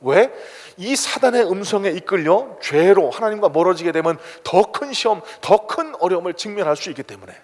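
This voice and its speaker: A male pastor preaching a dramatic sermon in a church, swinging between loud exhortation and hushed tones. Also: high voice, animated, moderate pace, hardly any pauses. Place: church sanctuary. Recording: long church hall reverb.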